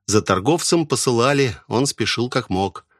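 A man reads a dark first-person tale with a lively, animated delivery at a mid pitch. The recording is close and dry, without any room echo. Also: normal speed. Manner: expressive storytelling. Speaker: audiobook narrator. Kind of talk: first-person literary narration.

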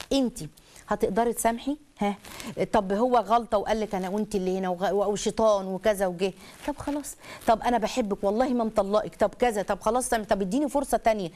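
A middle-aged woman with an Egyptian Arabic accent, hosting an advice talk show as a family counselor, talking in an animated way and acting out the voices of the family members she quotes. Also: medium pitch. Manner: rapid, animated, acts out quoted family dialogue.

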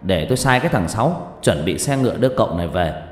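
A man's voice: fairly low pitch, sing-song, fast talker. A man voicing a stingy, secretive old village landowner who talks brusquely, recorded in an echoey room with faint music. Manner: brusque, stammering.

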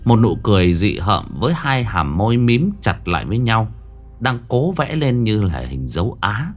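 A man's voice: lowish voice, sing-song, normal speed. A man narrating a ghost story with suspenseful, dramatic pacing.

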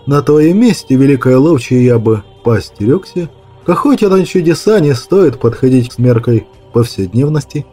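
A man voicing a laconic, stony male monster hunter in an audiobook, speaking quietly, low and curt. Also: animated, normal speed, slightly rough, faint music behind. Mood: calm. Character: calm, laconic grown male witcher, stony. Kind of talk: audiobook character voice.

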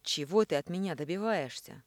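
A woman's voice: on the low side, sing-song, dry recording, voice pushed up. A woman reading a brash middle-aged man, sneering and hot-tempered, close dry sound. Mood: angry. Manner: sneering, loud, quick to anger.

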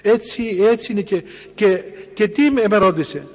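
A man's voice: high voice, lively intonation. A man with a Cypriot Greek accent, an Orthodox priest giving a sermon, telling a story and acting out the dialogue. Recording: long hall reverb.

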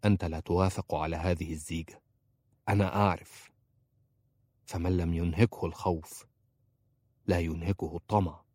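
A man's voice: sits low, brisk, darkish tone, no echo. A man voicing a young orphan bookseller who pleads politely and persistently. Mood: earnest. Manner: earnest, respectful pleading. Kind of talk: audiobook character voice.

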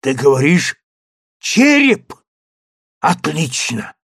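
Storybook part: man playing an excitable, obsessed gentleman, urgent shouted commands, dry close sound. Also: fairly high pitch, slow, breathy edge, no room sound, full character voice. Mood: feverish. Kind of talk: audiobook character voice.

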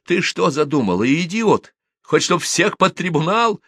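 A young lieutenant yells orders in a high, strained voice, pushed far above the reader's usual low register, as a male reader puts him on. The shouting is urgent and commanding. The sound is close and dry. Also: big pitch swings, unhurried, husky, dry recording, full character voice. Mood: frantic commanding.

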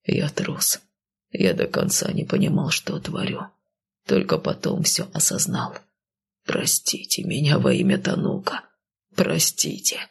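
A woman voicing a timid, guilt-ridden undead male coachman who mumbles and pleads in a hushed voice. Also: deep voice, huge pitch swings, measured pace, creaky, husky, pitched below the performer's own voice, heavily acted. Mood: pleading.

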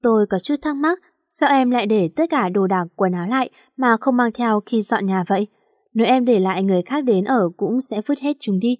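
A woman voicing a remorseful, tender young man in a romance audiobook, speaking softly and apologetically. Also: on the high side, brisk, no echo, studio quality, close to an everyday voice. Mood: curious. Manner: soft, apologetic.

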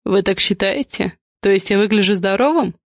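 A woman's voice: mid-range voice, normal speed, no echo, lightly acted. An awkward, hesitant man who mumbles his answers, read by a woman narrator. The voice is close to the reader's own and recorded dry and close up. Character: shy, awkward grown man, the brother.

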